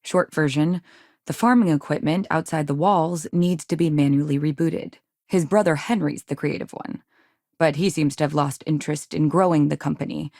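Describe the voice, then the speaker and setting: In video game dialogue, a woman plays the wife of an ambitious frontier businessman, speaking in a low, darkish voice with a gravelly creak. She comes across as polished and earnest but chafes with exasperation at being held back. The recording is close and dry, with no room sound.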